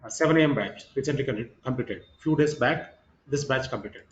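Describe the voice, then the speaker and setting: A man's voice: medium pitch, a little fast. Guy w teaching an online class, keeps saying right and okay, kinda muffled and echoey. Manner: repetitive, checking with "right" and "okay". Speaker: IT course trainer. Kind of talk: informal online lecture. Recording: roomy echo, slightly muffled sound.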